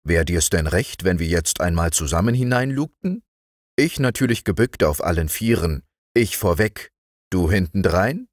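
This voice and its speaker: A man voicing a calm, fond uncle in a storybook reading. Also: low voice, normal speed, no room sound, studio quality. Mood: gentle.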